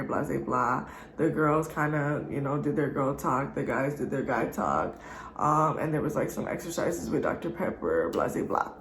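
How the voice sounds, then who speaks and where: A woman's voice: mid-range voice, echoey room, slight background noise, rough recording. A young woman with a congested voice, chatting casually and slangily to her viewers as a YouTube reviewer. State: congested from allergies. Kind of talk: casual chat.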